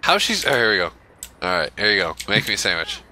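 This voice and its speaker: A man joking and reacting loudly while he and a friend play a video game together. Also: on the low side, very animated, fast, a little hiss or hum. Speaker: gamer. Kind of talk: casual co-op gameplay commentary.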